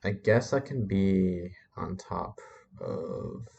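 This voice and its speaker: A man's voice: low-pitched, animated, takes it slowly, gravelly, darkish tone, husky. A man playing in a tabletop game, chatting casually and thinking aloud with some hesitation. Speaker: player.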